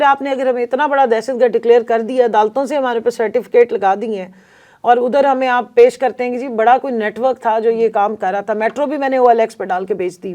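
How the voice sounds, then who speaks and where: A woman's voice: on the high side, dark tone. A woman from Pakistan, a politician guest on a podcast interview, telling her story in an emphatic, earnest way.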